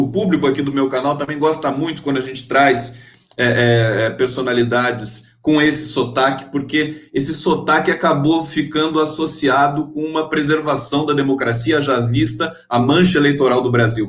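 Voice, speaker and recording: A man with a mid-range voice speaks at a moderate pace in a reverberant space. He hosts a live-stream interview, reading out viewer comments in an effusive manner, with many fillers and restarts.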